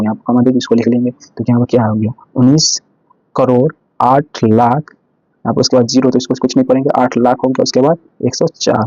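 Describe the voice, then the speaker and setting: A man from India explaining a math exercise step by step, slow and repetitive, with frequent restarts. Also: medium pitch, warm tone, dry recording, lo-fi sound. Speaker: math teacher.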